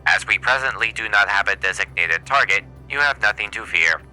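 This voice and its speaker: Brief: man voicing a monotone robot trooper from a game, very low and sharp-edged, clipped and emotionless. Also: a little fast, soft background music, low-quality recording. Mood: flat robotic. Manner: flat, clipped robot-voice delivery. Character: cold, monotone male robot soldier, matter-of-fact. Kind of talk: reading game dialogue aloud in character.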